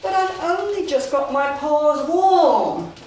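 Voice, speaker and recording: A woman's voice: high-pitched, expressive, slow pace, a little mellow. A woman playing a sulky, dramatic talking cat in a stage pantomime, complaining plaintively to the audience. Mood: sulky, self-pitying. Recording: noisy echoey hall from far off.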